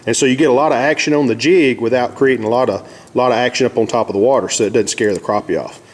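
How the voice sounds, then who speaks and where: Talking fast at a medium pitch, a man from Arkansas in the United States shows viewers how it's done on his fishing vlog. His Southern accent carries a plain-spoken, folksy, easygoing style.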